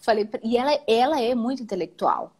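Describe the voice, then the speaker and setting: With a fast, husky voice, a Brazilian Portuguese-accented woman tells her personal story emotionally as a guest in a live interview. She's animated, says "né?" often, and her pitch jumps up suddenly.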